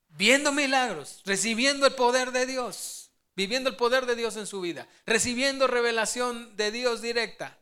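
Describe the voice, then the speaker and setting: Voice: mid-range voice, pushed and bright. A preacher giving a sermon, telling the story with animation and acting out the quotes.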